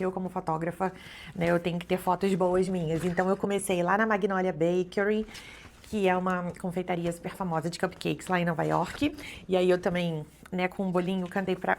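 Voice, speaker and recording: A little fast and fairly low in pitch, her level voice carries vocal fry, with slight background noise behind it. This middle-aged Brazilian woman, a travel vlogger and photographer with a Brazilian Portuguese accent, talks casually to the camera, chatty and full of "né" and "então."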